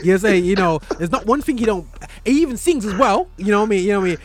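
British bloke hosting a chat, high voice up n down all over, excitable, says stuff twice. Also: male voice, fast talker, a crowd in the background. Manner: excitable, repeats phrases, interjects often. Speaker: show host. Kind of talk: casual chat.

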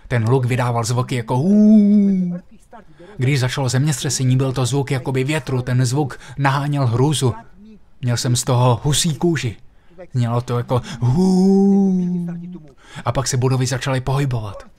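A man's voice: medium pitch, flat delivery, darkish tone. Man preaching an emphatic storytelling sermon. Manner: vivid, emphatic storytelling with slowed, stressed phrases.

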